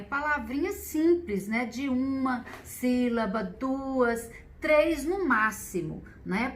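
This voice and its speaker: High-voiced teacher explaining to parents. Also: female voice, fairly bright tone, a little hiss or hum. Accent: Brazilian Portuguese. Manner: patient, explanatory, frequent "né?" tag questions; counts slowly and stretches words when demonstrating. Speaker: special education teacher. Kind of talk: instructional video for parents.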